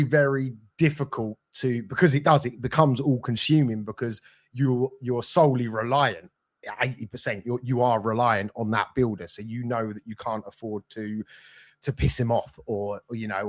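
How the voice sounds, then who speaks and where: A man's voice: medium pitch, fairly even intonation, moderate pace. Friendly, reassuring man. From United Kingdom. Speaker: podcast co-host. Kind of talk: live business Q&A.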